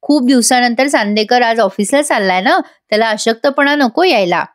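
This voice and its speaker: A woman narrates a voice-over recap of a TV serial episode. She retells the scenes in a chatty way and speaks straight to the viewers. Her voice sits fairly high. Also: animated, moderate pace, no echo, studio quality. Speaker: TV serial reviewer.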